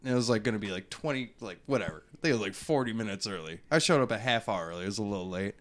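A man's voice: lowish voice, expressive, rapid-fire, fairly bright tone. A man in casual chat with friends, telling a rambling story and swearing freely.

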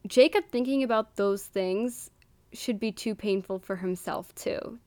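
A woman's voice: mid-range voice, measured pace, darkish tone, no echo. A young woman co-hosting a casual book-discussion podcast, laughing often and reading passages aloud. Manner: giggly, reads quoted passages aloud. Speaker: podcast co-host.

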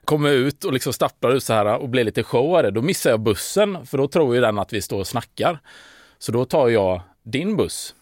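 A man's voice: medium pitch, animated, no room sound. A man tells a long anecdote in a casual podcast chat, with many fillers, restarts and bursts of laughter. His voice sounds dry and close. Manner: rambling, hesitant, with fillers and laughing. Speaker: podcast guest. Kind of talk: casual storytelling.

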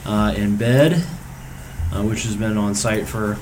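A township zoning staff member reports at a public board meeting in a lowish, darkish voice with fairly even intonation and a measured pace. He sounds hesitant, full of fillers and restarts, and is picked up by a distant mic in a noisy room.

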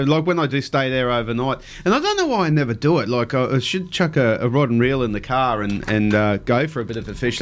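A man's voice: medium pitch, slight background noise. An Australian man hosting casual radio chat in a blokey, slangy tradesman manner. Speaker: radio fishing show host. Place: radio studio.

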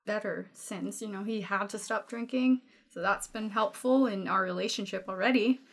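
This woman's voice is medium-pitched and fairly bright. She's a Dane in her twenties appearing as a podcast guest, chatting casually and openly in Danish-accented English, with frequent laughter between her thoughts.

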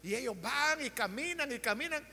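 A man preaching a sermon, retelling a story dramatically and shouting out the characters' lines. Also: very high-pitched, expressive, moderate pace, big-room sound, slight background noise.

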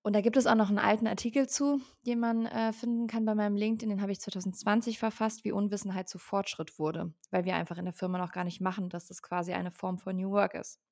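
A woman's voice: medium pitch, fairly even intonation, fast, gravelly, few pauses, a little mellow. A woman in her twenties, a company founder, speaking as a podcast guest and explaining fluently with frequent ähm fillers. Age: 20s. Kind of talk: podcast interview.

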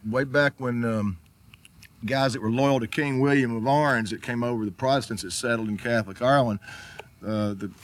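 A Southern American man talks in a loose, folksy way as an interview guest. He tells stories casually, swears freely and laughs often, his pitch sitting in a middle range. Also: steady tone, brisk. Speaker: band member, interview guest.

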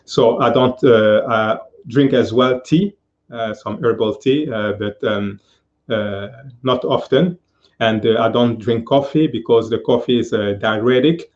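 Earnest man in his fifties, halting speech. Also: medium pitch, darkish tone, lo-fi sound. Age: 50s. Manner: earnest, halting with many fillers. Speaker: guest speaker. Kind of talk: casual live-stream interview. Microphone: video call.

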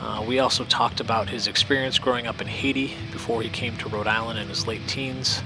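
A man's voice: mid-range voice, fairly even intonation, fairly quick. A man hosting a podcast, reading an upbeat scripted introduction over music. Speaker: podcast host.

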